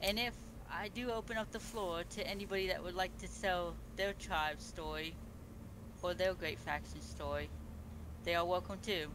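A man playing a pregnant beast-woman empress in a multiplayer game uses a high voice close to his everyday one, with fairly even intonation and normal speed. He welcomes feast guests in a stately, formal, grand manner, restarting at times. Noise fills the game-chat recording.

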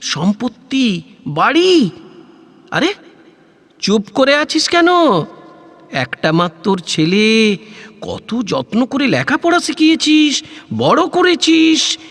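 A male actor plays a teasing, nosy old man in the style of an old radio play. His high voice swings widely and he lingers theatrically over slow, repeated phrases, with faint music behind him. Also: big pitch swings, fairly bright tone, in a large hall, heavily acted. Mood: probing. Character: playful, nosy elderly man, a childhood sweetheart reminiscing. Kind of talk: Bengali audio drama acting, like an old radio play.

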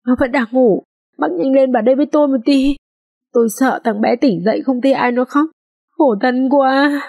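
A woman's voice: high-pitched, fairly even intonation, moderate pace, mellow, no echo, studio quality, voice pushed up. A woman voicing a terrified older female housemaid who cries out for help in panic, in an audio story. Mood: panicked. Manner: shrieking, pleading cries for help.

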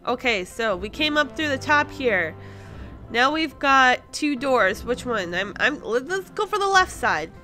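Hosting a laid-back let's play for her gaming series, a woman speaks in a high, bright, sing-song voice. Her thinking-aloud commentary moves at an easy pace, punctuated by startled exclamations, while soft music plays underneath.

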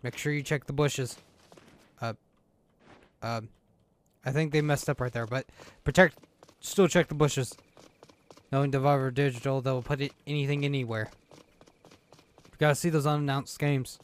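A man's voice: medium pitch, steady tone, normal speed, long pauses, clear, resonant tone. A man doing casual, jokey playthrough commentary, reacting to a video game as he plays. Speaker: gaming video host.

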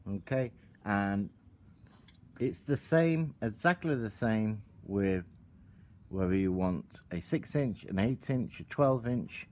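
A man giving a calm, step-by-step tutorial while working with his hands at an outdoor table. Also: fairly low pitch, slow pace, slight background noise. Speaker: product demonstrator.

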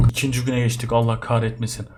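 A man's voice: medium pitch, flat delivery, fairly quick, faint music behind. A young man, joking and yelping through a horror game as he plays it. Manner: jumpy, yelps and jokes while scared. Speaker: gaming YouTuber. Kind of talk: horror game let's play commentary.

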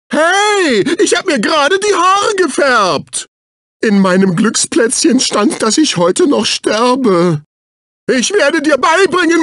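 Recorded close on a studio mic with clean, echo-free sound, a male actor uses a very high, slightly bright, exaggerated voice to play a fussy, snobbish, servile executive assistant in a dubbed cartoon video game. His prissy, condescending, exclamatory delivery comes across as distressed and whiny.

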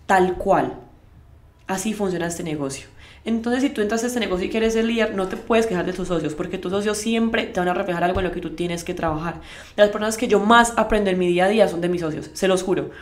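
A young adult woman leading a network marketing team, giving a motivational live talk and speaking straight to her audience with lively asides. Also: mid-range voice, fast talker. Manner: emphatic, addresses the audience directly.

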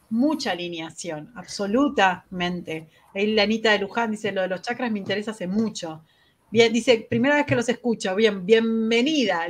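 A woman with a Rioplatense Spanish accent hosts a live spiritual talk. Her delivery is rapid and lively, she poses question after question, and she laughs at herself. Her voice sits at a middling pitch. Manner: fast-talking, laughs at herself. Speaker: host.

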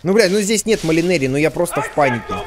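A man's voice: a little high, animated, fast talker, very noisy. A man commentating his game playthrough, agitated and swearing, with frustrated outbursts. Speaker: let's play host. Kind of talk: gameplay commentary.

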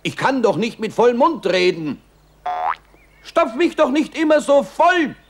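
A man voicing a chatty talking mouth in a children's show, playful and quick to scold. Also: extremely high pitch, expressive, noisy background, exaggerated voice. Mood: eager, cheeky. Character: chatty talking mouth, cheeky and eager to talk. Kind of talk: children's television acting.

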